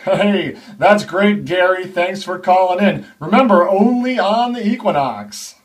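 A man putting on the voice of a smooth-talking male radio DJ who takes calls from listeners with upbeat on-air patter. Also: high-pitched, unhurried, distant mic. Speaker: science video host.

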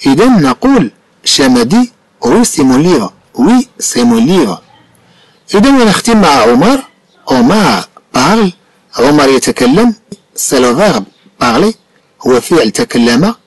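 A man with a Moroccan accent teaching a French lesson, slowly repeating each French sentence and then explaining it in Arabic. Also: a little high, no echo, low-quality recording.

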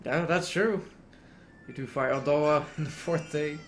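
A man streaming a speedrun, greeting viewers by name and reacting with sudden excited outbursts. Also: on the high side, a little slow, slight background noise. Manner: greets and answers chat, bursts into excited exclamations. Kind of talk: casual live-stream chat while gaming.

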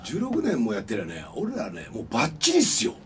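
Quick, playful man with an Osaka accent. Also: mid-range voice, wildly swooping pitch, crowd noise. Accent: Osaka Kansai. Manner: joking, emphatic, playful banter. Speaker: punk band member. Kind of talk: casual interview chat.

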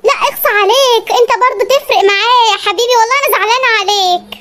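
Voice actor doing a very high, rapid Egyptian cartoon wife, bossy and scatterbrained. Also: a bit bright. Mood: scolding. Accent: Egyptian Arabic. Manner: scolding, fast, exclaiming. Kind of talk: comedy cartoon voice acting.

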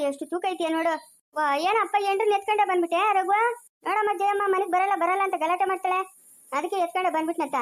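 A woman with a rural Chikkaballapur Kannada accent playing a chatty village woman in a family skit, coaxing and scolding quickly. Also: very high voice. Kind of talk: amateur village skit acting.

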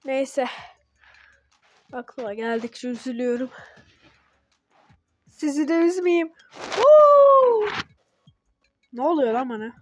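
A woman giving casual gameplay commentary as a channel host, excitable and talking back to the game when things go wrong. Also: high voice, unhurried, long pauses. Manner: excitable, talks to the game, grumbles and yelps at mistakes.

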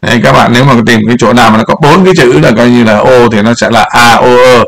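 Older man, gravelly, mid-pitched; talks through a map in a rambling, repetitive commentary. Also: fast, a bit bright. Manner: rambling, repeats words, points at the map. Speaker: political commentary host. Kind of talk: casual commentary over a map.

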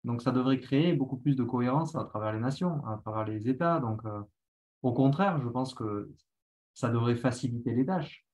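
A man's voice: mid-range voice, normal speed, darkish tone, low-quality recording. A man on a video call, speaking earnestly and reflectively in a casual panel discussion.

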